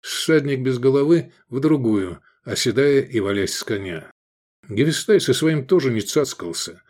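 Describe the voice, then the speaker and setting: A man's voice: medium pitch, lively intonation, moderate pace, darkish tone. Man narrating an action audiobook. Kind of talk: scripted narration of an action novel.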